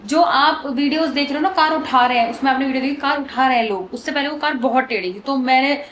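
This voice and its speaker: Young woman vlogger, high and quick, animated storytelling, faint hiss behind. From Uttarakhand. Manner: fast animated retelling of an accident. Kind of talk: casual storytelling.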